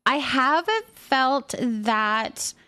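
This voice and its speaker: Extremely slow and high, this livestream host's voice sounds pushed and bright, with a clear, resonant tone. She casually chats through viewer comments, answering them and often repeating her phrases affirmingly.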